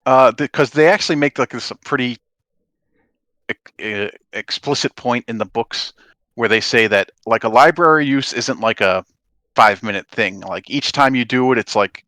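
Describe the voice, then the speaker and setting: A man's voice: medium pitch, normal speed, bright, forceful tone, no room sound. A man working as game master, explaining and narrating a tabletop game in an informal, conversational way.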